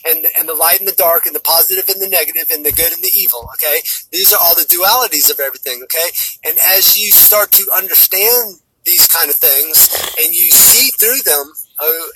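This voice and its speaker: A man's voice: a little high, a little fast, bright, forceful tone, husky, faint music behind, rough recording. A man giving a rambling spiritual monologue, tagging "okay?" onto nearly every phrase and often repeating and restarting his words. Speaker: spiritual speaker.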